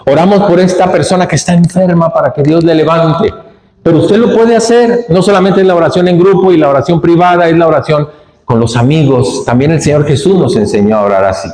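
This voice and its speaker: A man's voice: on the high side, fairly quick, darkish tone. A man with a Northern Mexican accent preaching a sermon, acting out the characters' lines and asking the congregation frequent rhetorical questions. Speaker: pastor. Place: church sanctuary. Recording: echoey church hall.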